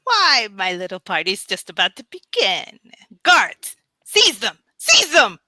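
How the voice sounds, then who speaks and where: A woman's voice: mid-range voice, very animated, measured pace, sharp tone, no echo, full character voice. A woman playing a wicked witch in a comic radio play, theatrical and gloating, drawing out her menace. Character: cackling, gloating wicked witch, shrieking villainess.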